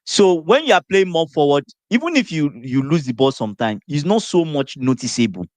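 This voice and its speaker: A man's voice: fairly high pitch, very animated, brisk, a little mellow, dry recording. A man co-hosting a casual football podcast, explaining points insistently and repeating key phrases. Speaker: podcast co-host.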